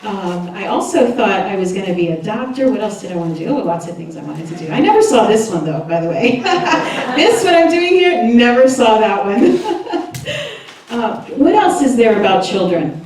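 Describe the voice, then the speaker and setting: A woman minister giving a chatty, lively sermon and laughing often as she talks with the congregation. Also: medium pitch, moderate pace, a crowd in the background. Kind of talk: sermon with audience interaction. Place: church hall. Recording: echoey hall, voice from far off.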